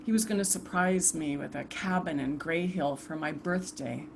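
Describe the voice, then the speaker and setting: An actress plays the restless ghost of a murdered woman civil rights volunteer in a theatrical monologue over a video call. She speaks haltingly, with sighs and broken restarts. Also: deep voice, creaky, background noise. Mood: wry, bitter. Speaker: stage actor performing a monologue. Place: indoors at home, performing over a video call. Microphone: video call computer mic.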